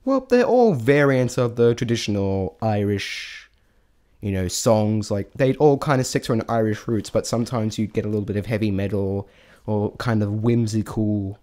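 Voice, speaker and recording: An amateur reviewer shares his opinions off the cuff, rambling and hesitant, often stammering and cutting himself off mid-thought. His voice is lowish and a little mellow, with lively intonation at a normal speed.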